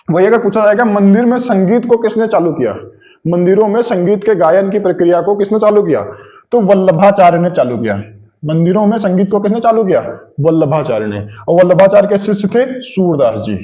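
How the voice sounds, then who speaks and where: Man, exam coaching teacher, high-pitched voice, repeats himself, asks and answers his own questions, dull lo-fi audio. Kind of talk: classroom lecture with memory tricks.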